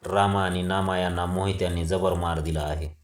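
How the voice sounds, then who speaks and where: A man's voice: low voice, steady tone, moderate pace, roomy sound, close to an everyday voice. Man reading as a breathless young village teacher. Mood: urgent. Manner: urgent, out of breath.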